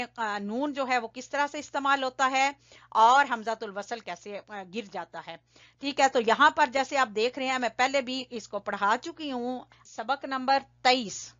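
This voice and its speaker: A woman teaching Quran recitation, patiently explaining step by step, checking understanding and slowly chanting examples. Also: a little high, a bit bright. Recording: dull lo-fi audio.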